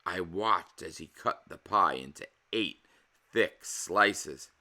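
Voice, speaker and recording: A man reading a children's picture book aloud as a storyteller, with animated, emphatic delivery. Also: sits low, slow pace. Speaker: read-aloud storyteller and host.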